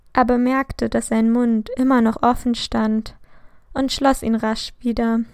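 A woman reading a fan fiction story aloud in a slow, dramatic storybook narration. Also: a little high, vocal fry, darkish tone, no echo, studio quality.

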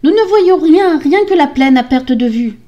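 A woman voicing young sisters on watch in a storybook reading, calling out high and shrill. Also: animated, normal speed, dark tone, dull audio. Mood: excited.

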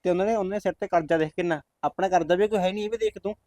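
A man's voice: high-pitched, darkish tone, dry recording, natural voice. A man with a Punjabi accent playing a brusque young farmer husband who waves off his wife's wishes. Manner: brusque, grumbling, quick. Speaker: actor in a short film. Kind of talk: village short-film acting.

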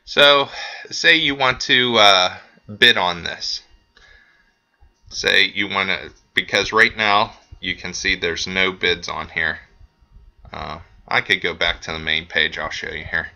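A man with a deep, low voice that has a bright, forceful edge. He talks through a website tutorial in a loose, unscripted way and leans on plenty of ums and uhs. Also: slow pace, vocal fry, highs cut off. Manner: relaxed, with frequent ums and uhs. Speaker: auction house staff giving a website tutorial. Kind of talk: casual screen-recorded walkthrough.

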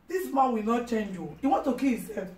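A woman's voice: on the high side, expressive, a little fast, darkish tone. A woman with a Nigerian accent co-hosting a casual mukbang vlog at home, teasing and scolding her partner. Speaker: vlog co-host. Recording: roomy, distant phone mic, faint noise.

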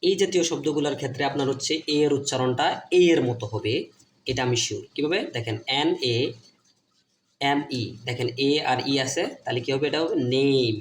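A man's voice: mid-range voice, a little hiss or hum. A man teaching children's English reading in a casual online lesson, repeating letter sounds one by one. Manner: repeats sounds slowly, drilling pronunciations.

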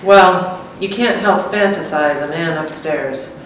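A middle-aged woman's voice sits low and unhurried as she reads a scripted dialogue for two, voicing a wry, anxious character. She's captured at a distance by a stand microphone in an echoey gallery with hard walls, with faint background noise.

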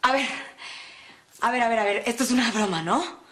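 A woman's voice: a little high, moderate pace, a bit bright, lightly acted. An actress playing a spoiled, dramatic teenage girl in a telenovela, whiny and tearful. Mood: indignant. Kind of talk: telenovela acting.

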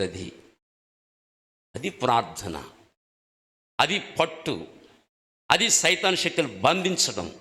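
A male preacher delivers an emphatic sermon on prayer, questioning the congregation and repeating key words. His medium-pitched voice sounds pushed and bright, with long hall reverb.

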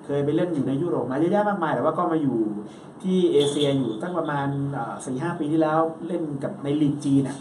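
Man, football talk host, rapid chatty delivery, slightly high voice, roomy distant sound. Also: mellow, a little hiss or hum. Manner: chatty, fast, peppered with polite particles. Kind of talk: casual sports chat. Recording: roomy echo, distant mic, faint ambience.

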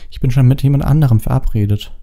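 A man's voice: medium pitch, quick pace, dark tone, pitched above the performer's own voice, close to an everyday voice. A man voicing a shy, apologetic teenage schoolgirl in an audiobook reading.

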